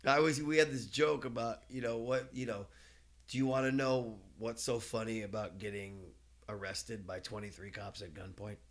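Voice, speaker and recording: A man in his forties from East Los Angeles is a guest on a casual podcast, talking openly, swearing freely and laughing often. His voice is lowish and steady, at normal speed.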